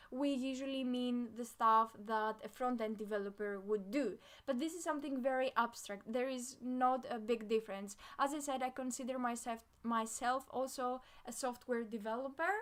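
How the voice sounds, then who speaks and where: Reading out viewer comments and chatting with lots of fillers, this young front-end developer from Greece runs a relaxed coding Q&A on a live stream. Her voice is a little high and a bit bright.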